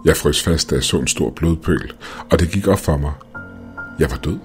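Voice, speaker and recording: A narrator with an extremely low voice reads a first-person ghost story calmly and in a measured way, with quiet, faint music playing underneath.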